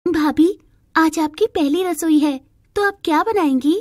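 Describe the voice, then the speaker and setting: A woman's voice: extremely high pitch, measured pace, no echo, studio quality, pitched above the performer's own voice. A woman voicing a polite young sister-in-law.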